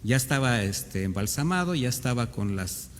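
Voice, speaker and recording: A man's voice: mid-range voice, lively intonation, moderate pace. A male pastor, delivering an earnest sermon in church and acting out the voices of doubting believers. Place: church hall. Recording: reverberant church hall, faint background noise.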